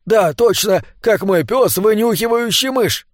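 A man voicing a tense man who speaks in hushed, urgent whispers in a read-aloud story. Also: high voice, lively intonation, a little slow, dry recording, studio quality, voice pushed up. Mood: hushed urgency. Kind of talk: audiobook character voice.

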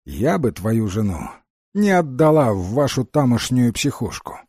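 A man's voice: mid-range voice, sing-song, a little slow, darkish tone, breathy edge, no room sound, studio quality, exaggerated voice. A man voicing a coarse, domineering older woman, a cigar-smoking villainess, with a brusque, mock-coaxing manner. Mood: bossy.

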